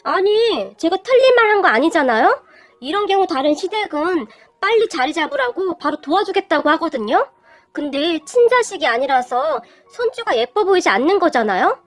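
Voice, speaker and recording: A woman voicing a shrill, rude young wife. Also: big pitch swings, moderate pace, no room sound, faint music behind. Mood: indignant. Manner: shrieking, accusing.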